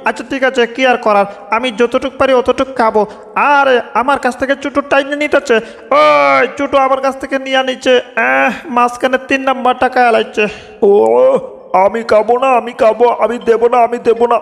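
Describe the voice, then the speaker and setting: A man puts on a squeaky cartoon voice for greedy baby birds that squabble over food. The pitch is strained very high. A long reverb trails behind it. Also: fairly quick, gravelly, heavily acted. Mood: excited. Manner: squeaky, excited, munching noises. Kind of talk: homemade cartoon dub. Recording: long reverb, echoey room.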